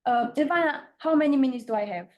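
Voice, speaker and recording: A young woman from Romania with an Eastern European accent, giving an informal conference talk with frequent hesitant pauses. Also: sits high, highs cut off. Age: young adult. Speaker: campaigner, panel speaker.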